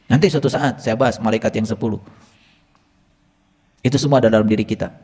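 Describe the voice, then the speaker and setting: A man's voice: medium pitch, fairly even intonation, quick pace, a little mellow, slightly rough, in a large hall. A man with a Sundanese accent preaching a sermon, often quizzing his listeners and slipping into Sundanese asides. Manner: asks the audience questions often, teasing.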